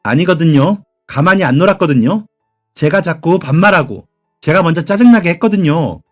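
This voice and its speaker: A man voicing a defiant older boy who shouts back tearfully, in a storybook radio drama. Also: a little high, expressive, moderate pace, soft background music, voice pushed up, lightly acted. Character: defiant loud boy, slightly older and bigger.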